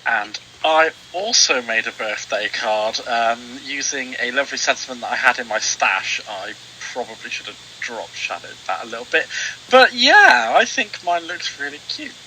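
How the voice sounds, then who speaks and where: A man's voice: mid-range voice, sing-song, normal speed, bright, forceful tone, slight background noise, low-quality recording. A man chatting casually about crafts as a guest. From south coast of the UK.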